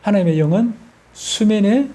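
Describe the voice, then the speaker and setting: Older Gyeongsang pastor, folksy preacher who quizzes his flock; mellow, dark tone. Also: high-pitched, lively intonation, moderate pace. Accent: Gyeongsang Korean. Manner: folksy, asks the congregation questions. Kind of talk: sermon.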